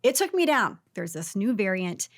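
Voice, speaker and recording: A woman's voice: mid-range voice, sing-song, normal speed. A woman co-hosting a podcast in casual chat, talking in an effusive, dramatic way. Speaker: podcast co-host.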